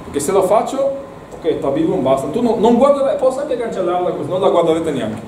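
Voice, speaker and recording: In an echoey classroom, a man teaches Arabic, encouraging his students and repeating words, caught by a distant mic. His voice sits high and mellow, very animated and fast, with slight background noise.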